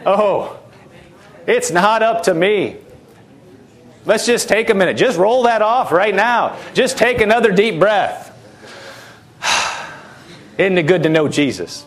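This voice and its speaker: High-voiced fervent male preacher. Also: animated, takes it slowly, pauses often, a bit bright. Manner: fervent, repetitive preaching with frequent hallelujahs. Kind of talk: sermon.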